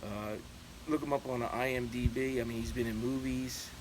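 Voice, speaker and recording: A man in his forties chats casually and haltingly to his viewers, rambling through anecdotes and repeating himself as he goes. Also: medium pitch. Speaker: YouTube channel host. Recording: clearly noisy, steady background ambience.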